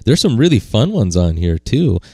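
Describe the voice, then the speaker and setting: A man's voice: on the low side, very animated, normal speed, darkish tone, no echo, studio quality. A man co-hosting a podcast, rambling casually with lots of filler words while demonstrating effects on a video call. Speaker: podcast co-host. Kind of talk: casual gear demo chat.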